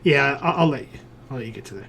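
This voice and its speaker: A man's voice: medium pitch, expressive, gravelly, a crowd in the background. A man running a tabletop role-playing game as game master, narrating scenes and rules with many fillers. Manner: halting, full of fillers while describing scenes.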